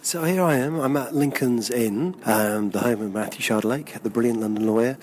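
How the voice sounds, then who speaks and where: A man with a fairly low voice talks his way through an outdoor walk in a chatty, enthusiastic manner, pointing out the sights as he goes. The recording was made on location with a handheld recorder, and some faint background noise comes through. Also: darkish tone. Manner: chatty, enthusiastic commentary while walking. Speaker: walking tour guide. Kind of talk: on-location podcast narration. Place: outdoors walking through city streets and courtyards.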